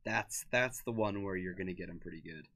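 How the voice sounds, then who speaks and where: A man co-commentating a card game stream in a relaxed, casual way, often repeating words as he starts a sentence. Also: deep voice, fairly quick.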